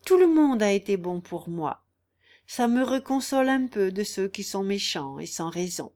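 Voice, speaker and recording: A woman reading aloud, voicing a gentle, candid young peasant girl in mourning, with an earnest manner. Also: medium pitch, big pitch swings, normal speed, lightly acted.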